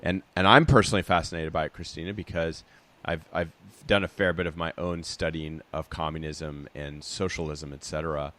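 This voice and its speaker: A man's voice: rumbling low, steady tone, brisk, sharp tone. A man hosting a podcast interview, upbeat and laughing easily with his guest. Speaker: podcast host.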